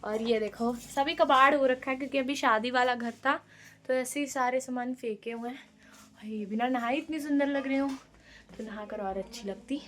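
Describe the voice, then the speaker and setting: With a high-pitched, fairly bright voice at a moderate pace, a young woman vlogs a relaxed home tour of a family house, covering the indoor rooms and the courtyard. She talks playfully to viewers, and family members can be heard talking nearby.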